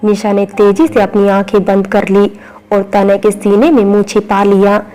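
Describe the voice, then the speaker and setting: A woman reading a romantic story aloud as scripted narration, in a flat, even manner. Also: mid-range voice, moderate pace, rough recording.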